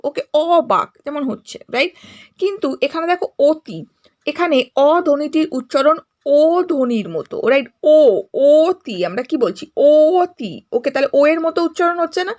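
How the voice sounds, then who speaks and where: Woman teacher, high voice, patient step-by-step school grammar lesson, sprinkled with English okays.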